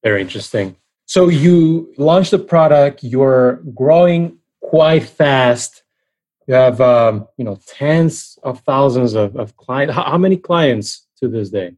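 A man's voice: medium pitch, lively intonation, takes it slowly, a little mellow. A man working as an interviewer, asking business questions in a conversational style.

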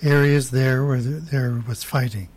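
A man's voice: medium pitch, steady tone, measured pace, darkish tone. A man guest in a casual talk, answering plainly and matter-of-factly with dry humor. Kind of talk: casual chat.

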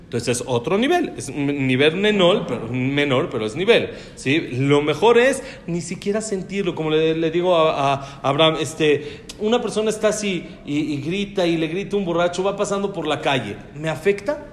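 A man's voice: a little high, expressive, moderate pace, few pauses, a little hiss or hum. A man giving a conversational religious lecture and asking his students questions along the way. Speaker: religious teacher.

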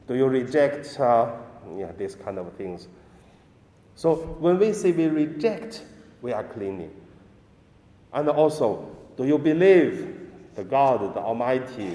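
A man preaches as a priest in a big echoing space like a cathedral. He is a non-native English speaker with a slow, halting, deliberate delivery. His tone is soft-edged and mellow, trailing long reverb. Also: medium pitch. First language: not English. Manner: halting, simple deliberate phrasing. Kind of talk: slow liturgical reading and sermon. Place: large reverberant indoor space. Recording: echoey church-like hall, long reverb.

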